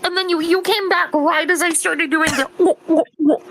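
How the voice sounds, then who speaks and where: A woman's voice: extremely high pitch, steady tone, normal speed, background noise. A woman playing in a tabletop game on a voice call, chatting, complaining and swearing casually. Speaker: player. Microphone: mobile on a voice call.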